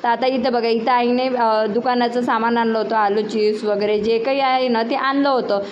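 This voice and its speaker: A woman's voice: fairly high pitch, fairly even intonation, moderate pace, lo-fi sound, a little hiss or hum. A young woman, a mother, casually telling viewers her complaints, often turning to them with rhetorical questions. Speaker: mother and vlogger. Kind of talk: casual storytelling to camera.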